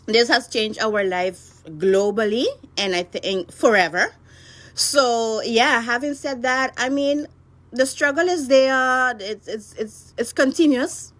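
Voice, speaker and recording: A woman in her thirties, a blogger guest on a radio show in the studio, chatty and animated, laughing often. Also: on the high side, takes it slowly. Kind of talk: conversational radio interview.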